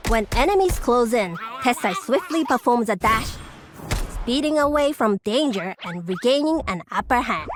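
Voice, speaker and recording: A woman's voice: fairly high pitch, animated, moderate pace, noisy background. A woman reading scripted narration for a video game character showcase.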